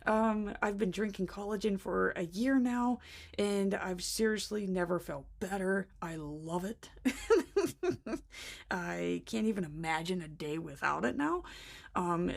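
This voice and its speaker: A woman's voice: lowish voice, creaky, a little mellow. A woman vlogger chatting casually to camera, laughing often and short of breath after being sick. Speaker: planner vlogger.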